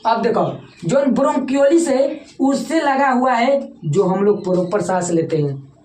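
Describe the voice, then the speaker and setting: Woman teacher, Bhojpuri-tinged Hindi accent, fairly high voice, drills terms and quizzes the class, echoey room with faint noise. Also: expressive, a little slow, a little mellow. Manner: repeats key terms and quizzes students for answers. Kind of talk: classroom lecture.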